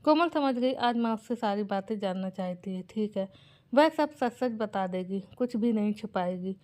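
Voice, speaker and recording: A woman narrating an emotional family moral story in a gentle, scripted way. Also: mid-range voice, expressive, normal speed.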